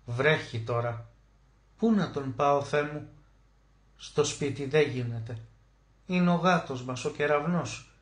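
A man narrating a literary short story as an audiobook, emotive, slowing down to stress key words. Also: mid-range voice. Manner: emotive, with slow drawn-out emphasis on key words. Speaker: audiobook reader. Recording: roomy echo.

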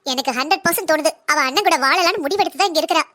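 A woman as a blunt young daughter-in-law: very high, bright, rapid-fire cartoon voice, lecturing and defiant. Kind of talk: cartoon drama voice acting.

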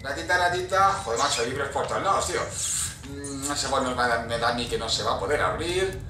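A gaming YouTuber with a Spain Spanish accent nervously commentates a horror game, swearing constantly and yelping whenever something jumps out. His medium-pitched voice runs a little fast. The recording is distant and echoey, with a noisy background.

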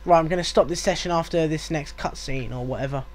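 A man's voice: a little high, quick pace. A British man hosting a video game walkthrough, chatting casually in a rambling, self-mocking way. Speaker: gaming walkthrough host.

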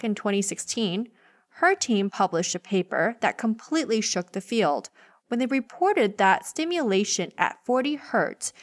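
Woman co-host reading a clear intro. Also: mid-range voice. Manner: clear, read-aloud delivery. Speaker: podcast co-host. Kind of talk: scripted podcast intro.

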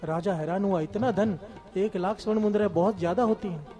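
A man's voice: high-pitched, fairly quick, dark tone, soft background music. A man giving a devotional sermon, telling a parable and calling on the congregation to respond. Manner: storytelling with call-and-response to the congregation. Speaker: satsang speaker. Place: temple hall with instrumental music.

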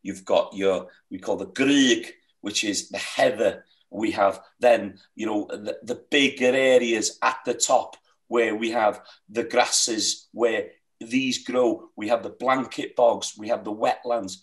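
A middle-aged man from Wales, a native Welsh speaker, appears as a sheep farmer guest on a video call, talking about his hill farm with earnest, heartfelt passion. His fairly low voice keeps a steady tone and a slow pace as he rambles and restarts. The webcam mic sits at a distance.

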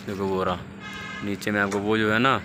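A man's voice: lowish voice, little pitch movement, normal speed, music in the background. A young man in his twenties chatting casually as a travel vlogger, filming himself at the open door of a moving train and often addressing viewers as brother. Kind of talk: casual travel vlog narration. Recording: loud rattling train noise. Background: loud train and track noise.

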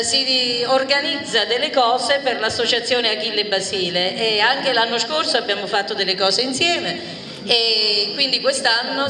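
A middle-aged woman moderating a live book event on a handheld microphone, brisk and organizing as she hands the floor to each speaker. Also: a little high. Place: large indoor hall at a public book presentation. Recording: echoey hall with audience noise.

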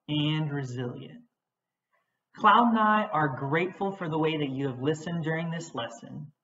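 Slow gentle woman teacher talking to little kids, echoey muffled recording. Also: deep voice. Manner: gentle, patient, guiding young children. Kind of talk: children's social-emotional lesson.

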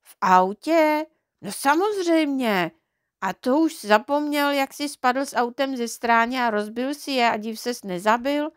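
A woman voicing a boastful, careless little boy mite from a storybook, raising her voice into a cocky, excitable tone. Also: high-pitched, no echo, studio quality, pitched above the performer's own voice, close to an everyday voice. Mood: excited.

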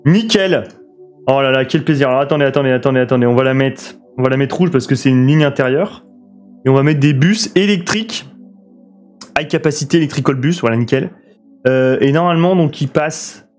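A young man from France giving lively, swear-filled commentary while building roads in a city game and answering his chat. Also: mid-range voice, a little fast. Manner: excitable, swears a lot, talks to chat. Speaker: streamer. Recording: faint guitar music behind.

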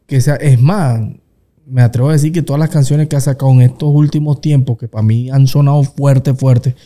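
A man's voice: medium pitch, fairly even intonation, fairly quick, mellow. A man interviewing a guest in a casual, chatty way, asking loose questions. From Colombia.

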